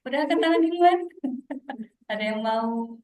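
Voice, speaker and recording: Woman, moderator, slightly high voice, polite, inviting. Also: animated, measured pace, darkish tone.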